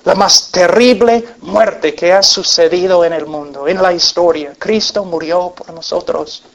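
A man preaching a passionate sermon in Spanish to young people, pleading and climbing to loud peaks. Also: sits high, measured pace, dull audio. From United States. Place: meeting hall.

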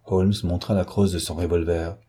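A male audiobook narrator tells the story in an even, unhurried way. His voice is low and mellow. There is a husky grain to it. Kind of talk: scripted narration.

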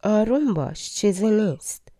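A woman's voice: fairly low pitch, animated, mellow, no echo, studio quality. A woman voicing a brave young prince in a storybook reading, speaking firmly. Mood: determined.

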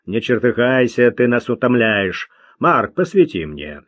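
A male narrator voicing a calm, firm man who gives curt orders. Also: medium pitch, unhurried, dry recording. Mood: calm, stern.

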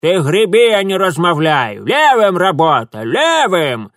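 Man voicing a fierce toothless old woman, shrieking high, bossy, very lively pitch, dry sound. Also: slow pace, no room sound, exaggerated voice. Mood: bossy yelling. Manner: shrill yelling in mixed Ukrainian-Russian speech.

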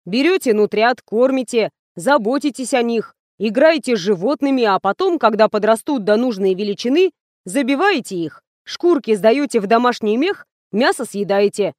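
A woman's voice: on the high side, lively intonation, normal speed, a little mellow, no echo, natural voice. Woman reading a fussy businesslike guy explaining stuff, plain and methodical, dry sound. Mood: matter-of-fact. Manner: methodical, matter-of-fact explaining. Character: fussy methodical male sponsor's agent.

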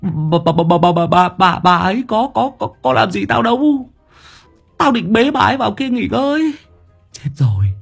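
A man's voice: mid-range voice, big pitch swings, slow, few pauses, breathy edge, soft background music, exaggerated voice. A man voicing a middle-aged male thug who stammers frantically. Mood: panicked.

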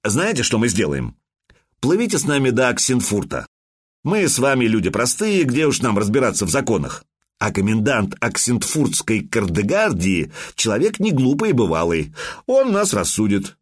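A man voicing a shrewd customs officer who speaks slowly and deliberately with a mocking edge. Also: mid-range voice, big pitch swings, slightly rough. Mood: sly. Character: shrewd male customs officer, sly and unhurried.

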